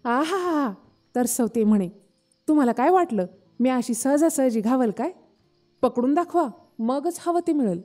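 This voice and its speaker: A woman's voice: high voice, animated, a little slow, warm tone, faint music behind. Woman doing a coy teasing village girl. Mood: mocking playful.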